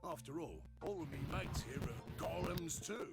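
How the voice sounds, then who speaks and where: An actor voicing a chatty, cheeky working-class male robot in a video game, with a broad Cockney accent and rough, slangy speech. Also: on the high side, expressive, moderate pace. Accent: Cockney English. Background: game music.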